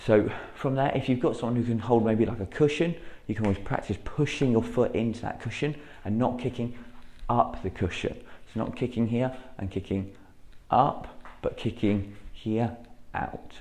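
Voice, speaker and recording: A man teaching a karate class, patiently explaining each move step by step and calling out loud counts for drills. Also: mid-range voice, moderate pace. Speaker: karate instructor. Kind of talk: martial arts class instruction. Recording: echoey room.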